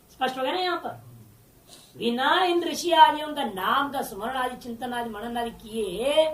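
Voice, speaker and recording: A woman's voice: high-pitched, echoey room, a little hiss or hum. Woman giving a scripture lesson, asks and answers her own questions, far from the mic. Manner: poses rhetorical questions and answers them; recites Sanskrit terms slowly, then explains. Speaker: scripture teacher. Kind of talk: lecture on a Sanskrit commentary.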